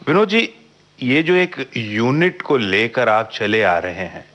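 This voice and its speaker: A man's voice: medium pitch, big pitch swings, slow pace, a bit bright. A man hosting a radio interview, asking long, polite, formal questions. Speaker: radio host.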